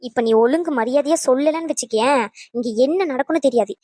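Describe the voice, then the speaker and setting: A woman's voice: high voice, a little fast, mellow, no room sound, studio quality. A woman voicing a bossy young granddaughter in a cartoon who scolds and threatens her grandmother. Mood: scolding. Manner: scolding, demanding.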